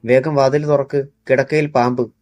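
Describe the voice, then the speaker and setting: A man voicing a frightened young woman trapped in a house, speaking in a hushed, urgent way. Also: mid-range voice, little pitch movement, moderate pace, dry recording, clean studio sound, soft background music, close to an everyday voice.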